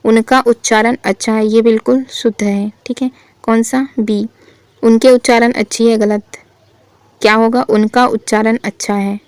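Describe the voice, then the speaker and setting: A woman runs an exam-prep grammar lesson. Her voice sits fairly high and stays level, with little rise or fall. The sound is clear, smooth and dry, and she asks her own questions and answers them. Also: unhurried, no echo. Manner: steady teacherly delivery, asking and answering her own questions. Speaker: Hindi grammar teacher. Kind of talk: exam-prep lesson, reading and correcting sentences.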